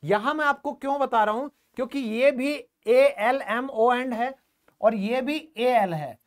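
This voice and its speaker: A man's voice: extremely high pitch, measured pace. A man teaching English in an online classroom lesson. He asks the class questions, answers them himself, and repeats the key words. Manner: calls the viewers "friends" often and repeats key words.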